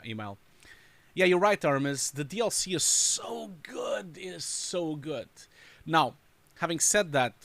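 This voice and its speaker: A man's voice: a little high, a bit bright, no room sound. A man hosting a live stream, chatting casually and rambling, laughing often. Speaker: host reviewing showreels. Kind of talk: casual livestream chat.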